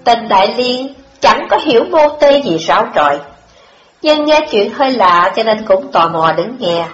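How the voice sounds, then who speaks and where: A woman narrating an audiobook in a measured, expressive storytelling style. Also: a little high. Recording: dull lo-fi audio, echoey room, faint music.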